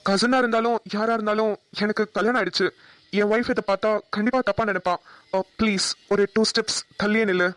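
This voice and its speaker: A woman voicing a patient young husband in a cartoon, speaking softly and apologetically. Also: medium pitch, steady tone, fast, no room sound, natural voice. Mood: pleading. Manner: soft, coaxing, apologetic. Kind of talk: cartoon voice acting.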